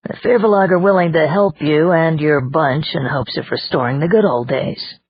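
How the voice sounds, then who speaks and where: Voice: medium pitch, moderate pace, slight background noise, natural voice. A reader voicing a blunt, sarcastic man. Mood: skeptical. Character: skeptical, sardonic man. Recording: dull lo-fi audiobook recording.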